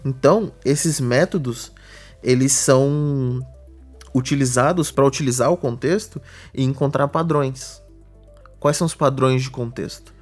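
A Brazilian man of middle pitch talks through a technical subject in casual podcast chat. He explains patiently, leaning on everyday examples. Faint music sits under his voice. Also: unhurried. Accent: Brazilian Portuguese.

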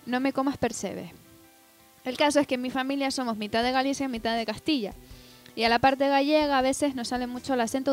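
A woman co-hosting a casual podcast, reading out listener messages and telling her own anecdotes in a relaxed way. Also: sits high. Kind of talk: casual chat and reading aloud.

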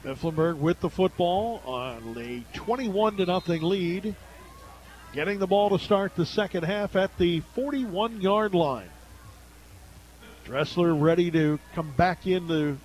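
An American-accented man works as the play-by-play announcer calling a football game live on radio, tracking each play in clipped sports-commentary phrasing. His voice is fairly high for a man, with a darkish tone and a measured pace.

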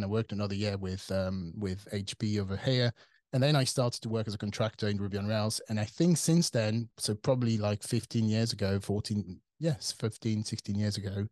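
The recording is dry, capturing a low, darkish-toned man from France in his forties. As a tech CTO guesting on an interview, he speaks casually in a French accent, thinking out loud with fillers and restarts.

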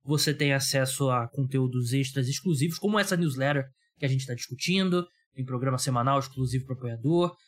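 A man's voice: mid-range voice, fairly quick, few pauses. Casual, jokey Brazilian man hosting a podcast. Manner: informal, jokey, self-deprecating. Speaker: podcast host. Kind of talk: casual sports podcast chat.

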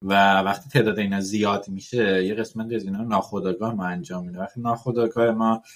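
A podcast host, talking casually and thoughtfully, pausing often with fillers and dropping in English words. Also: male voice, on the low side, fairly even intonation. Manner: thoughtful, rambling with many fillers and English loanwords.

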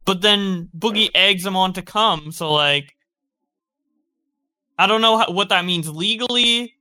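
A man's voice: high-pitched, unhurried, sharp tone. A man hosting casual commentary, rambling with lots of fillers and restarts. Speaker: commentary host.

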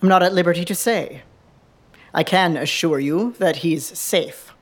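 Woman doing a formal, measured cardinal, low voice. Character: careful, diplomatic male church cardinal. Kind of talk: audio drama acting.

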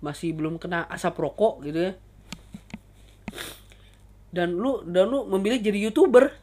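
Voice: mid-range voice, normal speed, darkish tone. A vlogger delivering a casual, ranting monologue straight to the camera. The talk is blunt and full of crude street slang. Words often stumble and restart mid-phrase.

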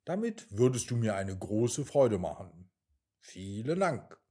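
A middle-aged man narrating a bedtime story for children in a slow, gentle way. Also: fairly low pitch. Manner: slow, gentle, lively intonation.

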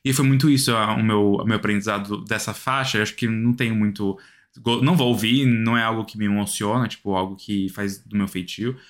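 A man's voice: lowish voice, steady tone, a little fast. A man co-hosting a casual music podcast, talking in a hesitant, rambling way with many restarts. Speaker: podcast co-host.

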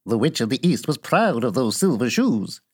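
A woman's voice: a bass voice, big pitch swings, moderate pace, husky, heavily acted. A woman voicing an earnest little Munchkin man in a storybook reading, grave and informative. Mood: wondering.

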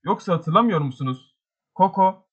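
Bir adam, telaşla gevezelik eden genç bir sosyete hanımını seslendiriyor. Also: male voice, sits high, expressive, normal speed, slightly rough, muffled recording. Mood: flustered. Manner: breathless, chattering excuses. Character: flustered young society lady.

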